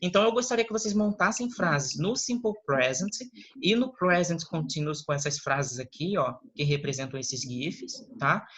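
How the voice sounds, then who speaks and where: A man, an English teacher giving a recorded class, who explains patiently step by step and keeps checking in with quick question tags. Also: on the high side, expressive, a bit bright. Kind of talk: recorded online class lesson. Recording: slightly dull lo-fi recording.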